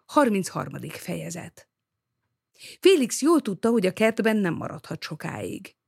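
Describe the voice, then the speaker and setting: An audiobook reader reading a novel aloud in a lively, expressive way. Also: medium pitch, creaky, husky, dry recording, studio quality.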